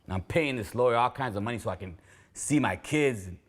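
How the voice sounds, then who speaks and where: A man's voice: medium pitch, expressive, a little fast, lightly acted. An actor playing a tired, recently divorced male coworker who reluctantly turns down invitations. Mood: weary. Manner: reluctant, sighing, deflecting. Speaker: actor in training skit. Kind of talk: training video role-play.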